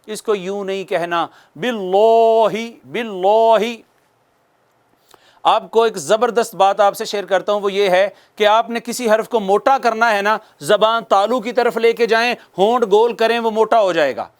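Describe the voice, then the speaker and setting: On a televised tajweed lesson, a man with a Pakistani Urdu accent teaches Quranic recitation, patiently explaining to viewers and slowly drawing out Arabic phrases as models to repeat. His high-pitched voice is steady, clear, and resonant.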